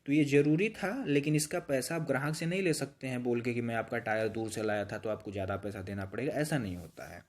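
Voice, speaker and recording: A man's voice: mid-range voice, fast talker, hardly any pauses, darkish tone. Man patiently teaching with everyday examples. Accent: Hindi. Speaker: YouTube instructor. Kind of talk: explanatory lesson.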